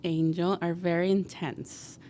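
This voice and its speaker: A Guatemalan woman in her forties, founder of a cleaning company, tells her story as a guest on a casual podcast. Her voice is low-ish and dark, her delivery flat and a little slow, and she chats freely with lots of "like" and "you know." Slight background noise is present.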